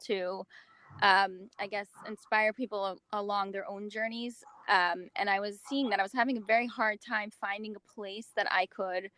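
A woman's voice: mid-range voice, a bit bright, clear, resonant tone, no echo. An American-raised woman talking as a guest in a casual interview. She hesitates and restarts often, filling gaps with fillers. Her voice is recorded close and dry, with no room sound. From United States. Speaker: magazine founder, interview guest.

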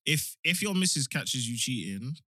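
A young man with a London roadman accent chats casually and slangily, giving animated opinions like a podcast co-host. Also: mid-range voice, moderate pace, no room sound. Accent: London roadman, multicultural London slang. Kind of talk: casual chat.

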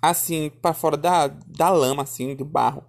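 A man telling a childhood story in a lively, chatty way, calling his listeners darling and my son. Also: a little high, moderate pace, creaky. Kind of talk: casual storytelling.

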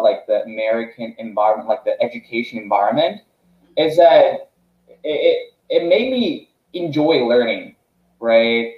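A young South Korean startup founder tells his story as a guest on a casual podcast interview, speaking haltingly with frequent restarts and fillers. His voice is mid-range. The sound is phone-quality, in an echoey room.

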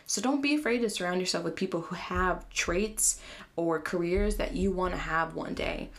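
A young woman with a slight lisp, hosting a casual solo podcast and giving earnest advice in a chatty way. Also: on the low side. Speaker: podcast host.

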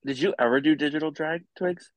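A man's voice: a little high, fairly quick, no room sound. A man co-hosting a podcast, teasing and campy in casual chat. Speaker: podcast co-host.

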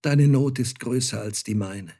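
A man's voice: medium pitch, unhurried, warm tone. A man voicing a poor, humble starchild boy in a storybook reading, with an earnest, pleading manner.

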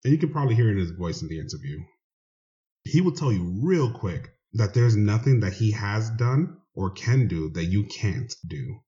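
A man hosts the show and talks in an earnest, conversational way. His voice is low and mellow. The recording sounds dull and lo-fi. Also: sing-song, normal speed. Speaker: host. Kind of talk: casual spoken introduction.

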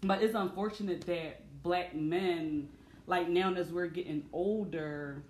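Animated woman chatting in an echoey room. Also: fairly low pitch, a little slow, slight background noise. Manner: animated storyteller, acts out quotes. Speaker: podcast host. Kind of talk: casual chat.

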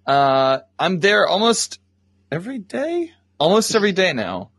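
A man's voice: high voice, sing-song, measured pace, a bit bright, breathy edge, no room sound. A man guesting on a podcast, talking in an easygoing, joking way. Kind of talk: casual chat.

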